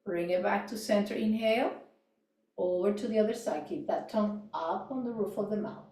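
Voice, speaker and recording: A woman guides a gentle yoga and mindfulness class with calm, unhurried cues for movement and breath. Her middle-pitched voice fades softly at the end of lines, and she sounds off-mic and distant in an echoey studio.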